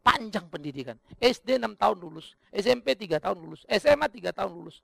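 A middle-aged Indonesian man preaching a sermon, swinging from loud emphatic bursts to low, confiding asides. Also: animated, fast talker, gravelly, dry recording. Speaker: pastor.

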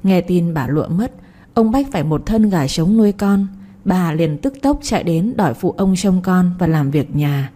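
A woman storyteller reading a scripted tale in a steady, measured way. Her voice is low and dark with a husky grain, and faint music plays underneath.

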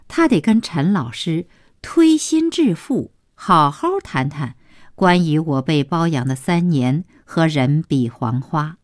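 A woman reads a long novel aloud with slow, deliberate storytelling. Her voice sits fairly low, moves with lively rises and falls, and is recorded close and dry. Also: no room sound. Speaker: audiobook narrator. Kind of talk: scripted novel narration.

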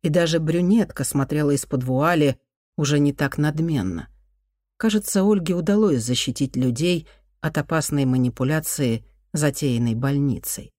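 This is an audiobook narrator with a mid-pitched voice, reading in a measured and even way. The sound is close and dry, with no room around it. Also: no echo.

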